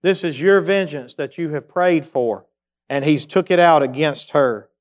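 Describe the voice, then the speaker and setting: A man preaching a sermon, reading scripture aloud and rising in pitch as he urges his listeners on in a plainspoken, folksy way. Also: measured pace. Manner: reads scripture aloud, rises in pitch when exhorting. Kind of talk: sermon, Bible study teaching.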